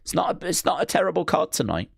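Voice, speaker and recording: Fast and very animated, a man with a fairly high, gravelly voice hosts a wrestling watch-along stream and reads out what viewers type. His chat is rambling and full of fillers and restarts. The audio is studio quality, with no room sound.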